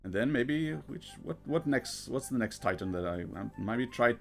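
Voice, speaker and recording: A man giving casual game commentary, thinking aloud in a halting way and often repeating his words. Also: medium pitch, animated, gravelly. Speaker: gamer narrating a playthrough. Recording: game music behind the voice. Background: video game music.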